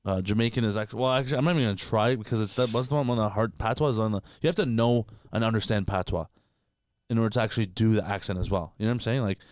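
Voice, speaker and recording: On a casual podcast, a guest comedian from Canada talks rapidly and candidly, swearing freely and packing in filler words. His voice is fairly low in pitch, recorded with no room sound.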